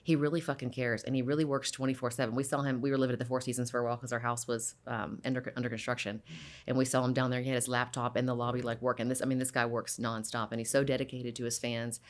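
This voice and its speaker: A woman's voice: rumbling low, level tone, quick pace. A woman hosting a casual, chatty interview. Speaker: interview host.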